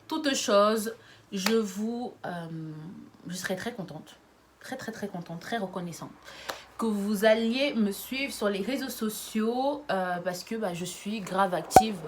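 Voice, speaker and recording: A YouTuber in her twenties from the Lyon area of France chats casually to her camera, full of fillers and giggles. Her voice is medium in pitch and a bit bright, with a little hiss or hum in the recording.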